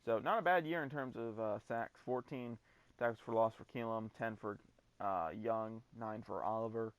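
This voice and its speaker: A man's voice: lowish voice, moderate pace, smooth, dry recording. A man hosting a gaming video, talking through his football-game season in a laid-back, casual way and swearing now and then. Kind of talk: casual gameplay commentary.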